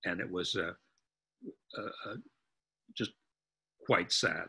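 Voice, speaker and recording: Older american guy in his 80s giving a history talk over photos, husky and kinda bright, restarts his sentences a lot. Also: sits low. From United States. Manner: earnest, halting storyteller with frequent restarts. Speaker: guest speaker.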